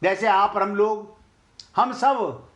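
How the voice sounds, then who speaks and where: Middle-aged male spiritual teacher, high voice, slow and earnest, talks straight to listeners. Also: a bit bright. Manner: chants couplets slowly. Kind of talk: explaining scripture.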